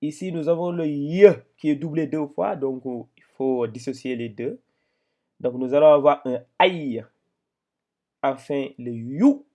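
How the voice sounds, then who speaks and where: A man teaching Quran reading in a patient, step-by-step lesson, sounding out syllables one by one with frequent pauses and hesitations. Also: on the high side, mellow. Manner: patient, repeats syllables aloud slowly with many hesitations.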